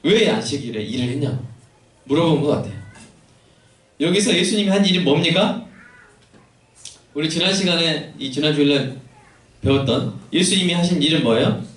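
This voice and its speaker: A man's voice: on the high side, normal speed, pauses often, a bit bright. A male pastor preaching a sermon in a church sanctuary, posing questions to the congregation and adding joking asides. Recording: echoey church hall from far off.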